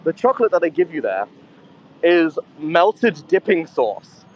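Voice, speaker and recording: A man's voice: fairly high pitch, sing-song, unhurried, highs cut off, slight background noise. A man telling a rambling story in casual chat, swearing often, speaking from a convenience store. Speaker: co-host of a live audio chat.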